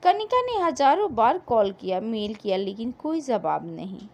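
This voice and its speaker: Delivering scripted storytelling with drama, this woman narrates in a high voice whose intonation is very lively. Her reading is emotive yet measured, broken up by pauses.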